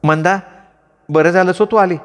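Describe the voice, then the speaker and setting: A man's voice: sits high, fairly even intonation, moderate pace, fairly bright tone, voice pushed up. A troublemaking woman neighbour pries and insinuates in a lifted, sly voice, played by a male storyteller. Long hall echo around the voice. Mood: prying. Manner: prying, insinuating. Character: gossiping middle-aged woman neighbour, troublemaker.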